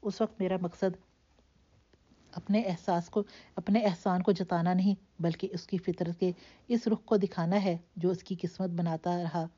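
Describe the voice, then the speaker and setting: A woman voicing an earnest, grateful middle-aged man who speaks in a heartfelt, measured way in a storybook reading. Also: on the low side, steady tone, dark tone, natural voice. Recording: dull lo-fi recording.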